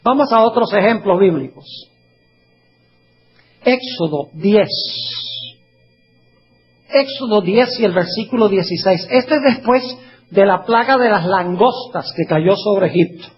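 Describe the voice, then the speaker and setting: A man preaching a sermon in a husky voice. He slows down to read scripture and keeps turning to his listeners with questions. The recording sounds dull and lo-fi. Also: high voice, expressive, soft background music. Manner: asks the audience questions, reads scripture slowly.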